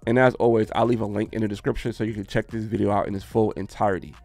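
A man's voice: fairly low pitch, steady tone, fast, noisy background. A man hosting a reaction commentary video, talking casually and repeating his points with exasperation. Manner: exasperated, repetitive emphasis.

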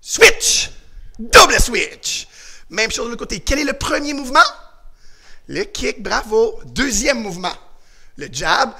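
High, lively karate coach. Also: male voice, moderate pace, creaky, long pauses. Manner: shouted commands, call-and-response, lively coaching. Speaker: karate and kickboxing instructor. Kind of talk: energetic class instruction for children on video.

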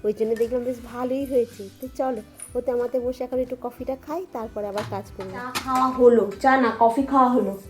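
A woman's voice: a little high, steady tone, brisk, echoey room, music in the background. A woman from India, chatting casually through her daily home vlog and often turning to her viewers with "you know". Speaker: daily vlogger. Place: home kitchen, indoors.

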